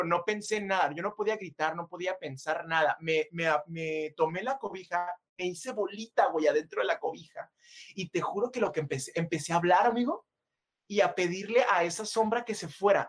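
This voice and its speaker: A man with a Mexican accent, a podcast co-host telling a personal story in a casual, animated, slangy way, laughing often. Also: sits high.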